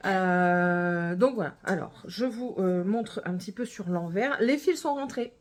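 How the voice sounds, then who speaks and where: Speaking a little slowly at a medium pitch, a woman chats to camera about her knitting for her podcast. She comes from northern France, her accent touched by Gironde, and her talk wanders, with many hesitations and self-corrections.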